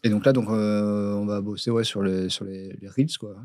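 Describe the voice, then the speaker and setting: A man co-hosts a podcast in casual chat, speaking hesitantly with lots of fillers and restarts. His voice is lowish and a little mellow, with little pitch movement and a moderate pace. It's recorded on a studio podcast mic with dry, close sound and no echo.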